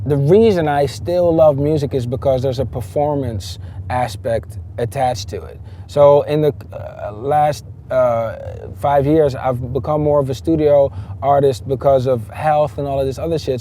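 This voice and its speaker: A man's voice: mid-range voice, fairly even intonation, a little slow, warm tone, a little hiss or hum. A man, a rapper raised in the Netherlands, talking casually in an interview, emphatic and loose, with many fillers and restarts.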